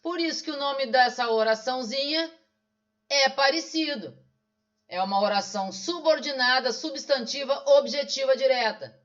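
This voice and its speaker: A man with a Brazilian accent teaches an online lesson, solving an exam question by question. His voice sits unusually high for a man. He keeps asking his own questions and answering them, and the recording sounds dull and lo-fi. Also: normal speed, fairly bright tone. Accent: Brazilian Portuguese.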